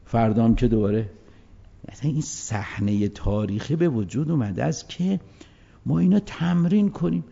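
A man with a husky, gravelly voice gives a religious lecture in a conversational register, shifting between hushed asides and forceful raised passages. His tone is dark and mellow. The recording is dull and lo-fi, with the top end rolled off. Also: mid-range voice, expressive.

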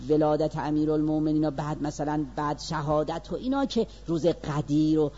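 Storytelling sits at the heart of this man's religious lecture, delivered in a high-leaning voice over dull audio. He stays animated, alternating quick asides with slow, emphasized phrases.

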